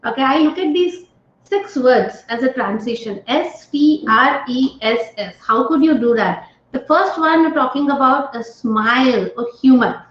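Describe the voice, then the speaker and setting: Woman trainer, high voice, keeps asking the group "right?", roomy and dull call audio. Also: lively intonation, moderate pace. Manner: engaging, often checks in with "right?" and questions to participants. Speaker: stress management trainer. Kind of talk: online training lecture.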